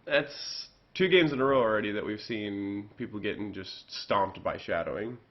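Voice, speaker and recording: Low-voiced man commentating a game. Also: moderate pace. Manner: rambling, self-correcting with fillers. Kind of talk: casual play-by-play commentary. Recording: dull lo-fi audio.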